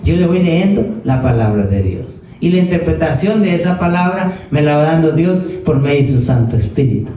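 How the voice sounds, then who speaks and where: Echoey pastor preaching from afar. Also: male voice, on the high side, expressive, mellow, slight background noise. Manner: preaching with slow emphatic stresses and rhetorical questions. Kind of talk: sermon. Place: church sanctuary. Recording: echoey room, mic at a distance, faint ambience.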